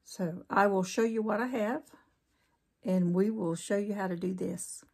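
Slow, husky Southern woman. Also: medium pitch, steady tone, a little mellow. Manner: chatty, homespun, rambling with fillers. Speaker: crochet channel host. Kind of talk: casual crochet tutorial.

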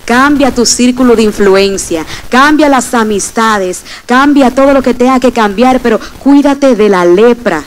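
Woman preacher, young adult, emphatic sermon, fairly high voice, speaks straight to the congregation. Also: a little slow, hardly any pauses, rough recording. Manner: emphatic, addresses the congregation directly. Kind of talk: sermon with personal testimony.

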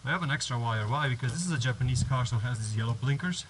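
Wearing an action camera on his head, a rambling man makes a casual how-to vlog outside on a home driveway near a garage, explaining each step and restarting sentences. He speaks rapid-fire in a mid-range voice over a noisy background.

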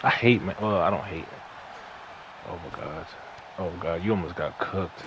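A man's voice: sits low, moderate pace, background noise. A man hosting a gaming video with casual commentary, repeating his phrases as he trash-talks the game.

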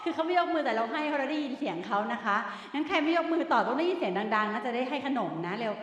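A middle-aged woman teacher running a lively classroom quiz game, coaxing students and calling them "child". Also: high-pitched, quick pace, muffled recording. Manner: animated, coaxing students, calls them "ลูก". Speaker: university teacher. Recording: echoey hall, long reverb.

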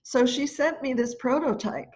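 This choir leader and music teacher in her sixties has a high voice and talks at a normal speed, recounting a story with chatty animation as part of a lesson. The dull, lo-fi audio comes from a laptop webcam during a video call from a room at home.

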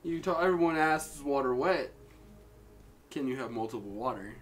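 A man's voice: medium pitch, expressive, moderate pace. A man making casual, slangy jokes as he commentates alongside someone playing a video game. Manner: joking, slangy. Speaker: gaming co-commentator. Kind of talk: casual joking banter.

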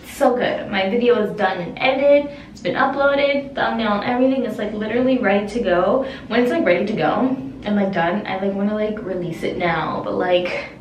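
A woman's voice: medium pitch, fairly quick, hardly any pauses, far from the mic. A young adult woman giving an informal, rambling vlog update, recorded in a small echoing bathroom. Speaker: vlogger. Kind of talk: casual chatty vlog update. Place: small closed bathroom, indoors. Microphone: camera a short distance away. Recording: echoey bathroom, some background noise.

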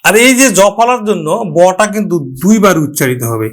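A man teaching a pronunciation lesson, addressing students directly, explaining step by step and slowly drawing out example words. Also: high voice, sing-song. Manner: slow, drawn-out repetition of example words. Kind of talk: Bengali grammar lesson.

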